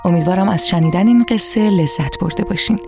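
A woman narrating a storybook for children, lively and expressive, speaking to the young listeners directly. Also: lowish voice, over music.

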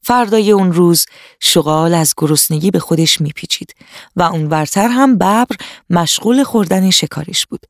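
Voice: medium pitch, no room sound, clean studio sound. A storyteller narrating a scripted children's story for a radio program, addressing the young listeners.

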